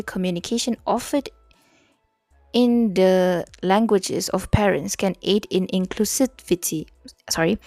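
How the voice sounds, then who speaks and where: A young Malaysian woman with a Malaysian accent chats casually on a study stream, using lots of fillers, mixing English and Malay, and now and then reading her notes aloud. Her voice is medium in pitch and slightly mellow, recorded dry.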